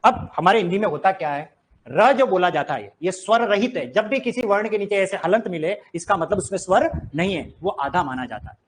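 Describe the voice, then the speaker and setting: A man's voice: sits high, animated, brisk, slight background noise. A man teaching a grammar lesson to exam students, firing rhetorical questions and drilling them on reading aloud. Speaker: Hindi teacher. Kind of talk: classroom lesson.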